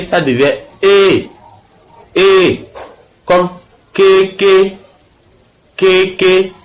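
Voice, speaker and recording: A male language teacher speaks in a somewhat high voice, taking his time over each letter. He repeats example words twice and pauses to ask "ok?" before moving on. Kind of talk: language lesson.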